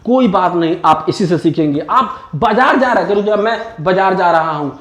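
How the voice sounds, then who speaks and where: A man's voice: high-pitched, animated, moderate pace, fairly bright tone, reverberant. A man giving a motivational spoken-English lesson, mixing Hindi with simple English phrases and repeating each point. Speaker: English teacher.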